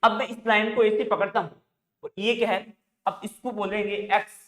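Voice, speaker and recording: A man's voice: high voice, fairly even intonation, brisk, fairly bright tone. A male teacher giving a math lesson, asking questions and answering them himself over and over. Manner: repetitive call-and-response questioning. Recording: echoey room.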